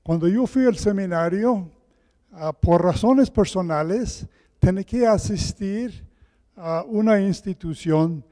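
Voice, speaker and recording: A man delivers a sermon at an unhurried, deliberate pace. His voice is fairly high for a man and softly mellow, and it rings through a big hall with long, cathedral-like echo. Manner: deliberate, repeats key phrases for emphasis. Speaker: guest preacher. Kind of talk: sermon with Bible reading. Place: large echoing hall with pews.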